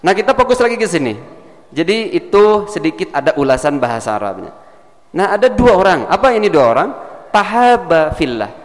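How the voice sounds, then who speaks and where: A man's voice: high voice, sing-song, brisk, in a large hall. A man with a Sundanese accent preaching a mosque lecture, teaching in a chatty, explanatory way and addressing the congregation directly. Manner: didactic, chatty, addresses the congregation as Pak and Bu, demonstrates pronunciation.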